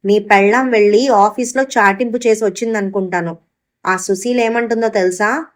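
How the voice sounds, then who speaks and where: A woman's voice: mid-range voice, fairly even intonation, normal speed, close to an everyday voice. A woman reading the part of a scornful young mistress with cutting retorts.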